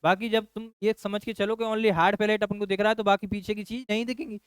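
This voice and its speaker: A man's voice: high voice, steady tone, fast talker, clear, resonant tone, no room sound. A man teaching a nursing lecture who repeats key phrases and keeps asking his class rhetorical questions. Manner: addresses students as children. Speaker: nursing coach.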